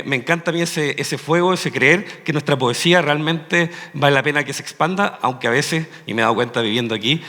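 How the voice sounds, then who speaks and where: A man's voice: mid-range voice, sharp tone. A man speaking on a panel with enthusiasm, often restarting and saying "o sea". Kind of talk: panel talk. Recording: long hall reverb.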